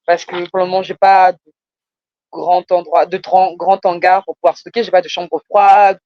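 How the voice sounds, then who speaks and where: During coaching, a Parisian-accented entrepreneur conversationally outlines her business, hesitating frequently and repeating words for emphasis. Her voice is fairly low with a level tone at normal speed, recorded lo-fi without echo.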